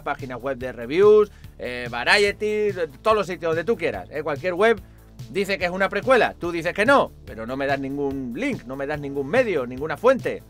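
A man hosts a casual vlog, reading out viewer comments with sarcasm. His voice sits high and sounds bright and forceful. Faint music plays under his talk. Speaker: video host answering comments.

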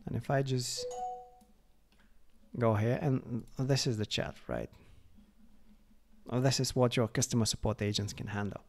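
A man casually walking through a software demo, chatty and full of fillers like "like" and "uh". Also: medium pitch, steady tone, a little slow, gravelly, long pauses. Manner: chatty, lots of fillers, reads chatbot replies aloud. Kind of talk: casual screen-recorded product walkthrough.

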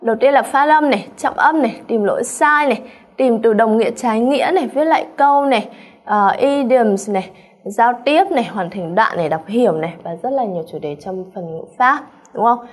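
Husky-voiced Vietnamese woman, animated English exam-prep teacher. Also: a little high, fairly quick. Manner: animated, keeps checking in with students; calls herself by name in third person. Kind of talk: online exam-prep lesson.

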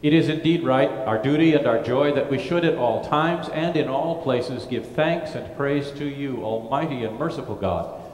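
A man's voice: mid-range voice, a little mellow. Man leading prayers in cathedral echo. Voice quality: solemn, measured liturgical delivery. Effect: cathedral-like echo with a long church-hall reverb. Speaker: pastor leading worship. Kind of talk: liturgical prayer and communion service. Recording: echoey, reverberant large church hall.

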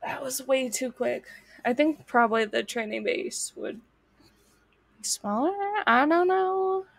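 A woman's voice: high voice, takes it slowly, gravelly, dry recording. A young woman giving casual, giggly and reactive commentary while playing a co-op horror game as a streamer. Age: young adult. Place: small indoor room at home, streaming setup. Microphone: microphone on a boom arm, close.

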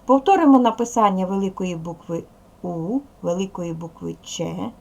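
A middle-aged woman teaching young children in a video lesson, explaining slowly and clearly with patience. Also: fairly low pitch, darkish tone, slight background noise. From Ukraine. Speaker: primary school teacher.

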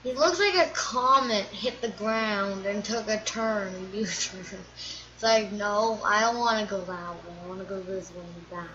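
A woman's voice: medium pitch, unhurried, pushed and bright. A woman casually commenting to herself while playing a survival game, muttering as she goes. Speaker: gameplay streamer. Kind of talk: casual let's-play commentary. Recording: dull lo-fi recording with faint noise.

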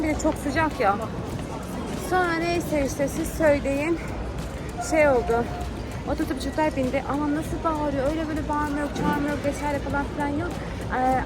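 Woman vlogger, high voice, chatty and complaining, busy crowd and music behind. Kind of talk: casual travel vlog to camera. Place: airport, indoors with crowds.

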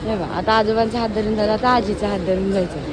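A fast-talking family vlogger with a mid-range, fairly even voice speaks straight to her viewers in a chatty travel vlog shot on a phone at a train station. Behind her are the sounds of a busy crowd and vehicles.

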